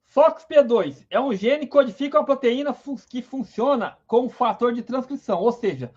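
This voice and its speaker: Guy hosting a live stream, very high voice, dull lo-fi sound, eager and chatty. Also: expressive, normal speed, a little mellow. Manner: enthusiastic, greets viewers by name. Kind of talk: casual live science talk.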